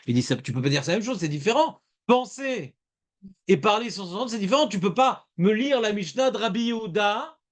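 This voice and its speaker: A man's voice: sits high, animated, brisk. A man teaching a Talmud class, talking emphatically and repeating his points as he explains. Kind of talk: lively Talmud class discussion.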